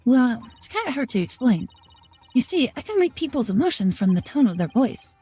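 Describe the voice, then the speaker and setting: A woman's voice: fairly high pitch, very animated, a little fast, dark tone, slightly rough, faint music behind. A woman reading aloud as an earnest young female lawyer who explains what she hears. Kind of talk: reading game dialogue aloud.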